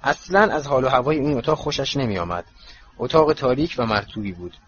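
A man narrating an audiobook in an even, measured reading, in a slightly muffled recording with faint hiss. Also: medium pitch. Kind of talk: scripted narration.

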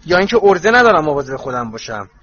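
A man voicing a resentful teenage boy with forced calm and sarcasm in a storybook reading, in a slightly muffled recording with faint hiss. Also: on the high side, slightly rough, heavily acted. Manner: strained calm breaking into sarcasm.

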